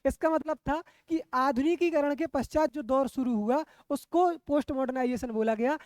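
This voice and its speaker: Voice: sits high, normal speed, darkish tone, dry recording. A coaching teacher giving an exam-prep lecture, often asking the class rhetorical questions, checking that they follow and repeating key terms.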